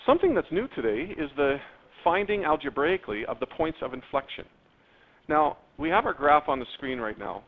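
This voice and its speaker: Lively male math teacher, tinny recording. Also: on the high side, a little fast. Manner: lively, stretches words, spikes up on key terms; addresses students directly. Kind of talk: classroom lesson recording. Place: classroom. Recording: tinny lo-fi phone-like classroom recording, faint noise.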